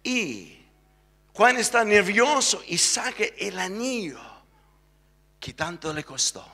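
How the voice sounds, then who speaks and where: A man's voice: sits high, slow, creaky, in a large hall. A male pastor telling a story in a church sermon, acting out the voices as he goes. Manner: lively storytelling, acts out the voices. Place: church sanctuary.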